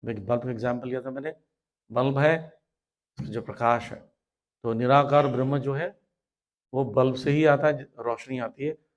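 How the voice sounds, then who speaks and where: A man teaching a Hindi spiritual lecture, telling stories, acting out voices and chanting Sanskrit verses. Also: medium pitch. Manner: acts out quoted voices, animated storytelling.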